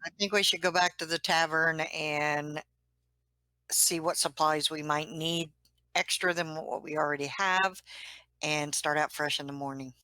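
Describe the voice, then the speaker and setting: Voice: medium pitch, steady tone, measured pace, sharp tone, dry recording. A player in a tabletop game with friends, speaking directly and suggesting plans. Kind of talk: casual game chat.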